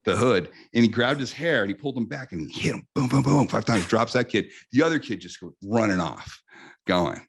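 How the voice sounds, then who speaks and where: A man in his fifties from the United States, a guest telling animated stories in a casual interview with frequent restarts. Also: mid-range voice, fairly quick, gravelly, breathy edge.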